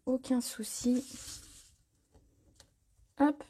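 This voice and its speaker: A woman hosting a live craft tutorial, chatting casually, answering viewer comments and filling pauses with little words as she works. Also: high-pitched, fairly even intonation, mellow, husky. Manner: chatty, reads viewer comments aloud, frequent fillers. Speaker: crafting demonstrator. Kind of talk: live stream tutorial chat.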